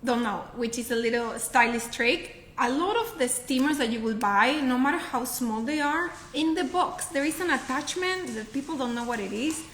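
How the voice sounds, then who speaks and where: A woman's voice: high voice, lively intonation, moderate pace, hardly any pauses, fairly bright tone, reverberant, slight background noise. A woman with a Spanish accent, whose first language is Spanish, giving upbeat packing advice in a casual chat, often checking in with "right?". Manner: upbeat, instructive, tag questions like "right?". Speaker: professional packer, guest.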